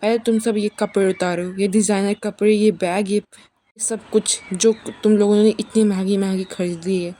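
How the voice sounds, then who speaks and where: A woman voicing a stern, wealthy old grandmother who shouts and scolds. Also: mid-range voice, steady tone, moderate pace, natural voice. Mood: furious scolding.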